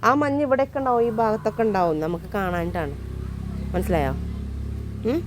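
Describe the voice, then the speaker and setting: Malayali mum vlogging outside, teasing her kid, voice a bit rough from a cold, some faint background noise. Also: mid-range voice, animated, brisk. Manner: coaxing, teasing talk to her child. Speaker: vlogger, mother. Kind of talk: casual family vlog chat. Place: outdoors.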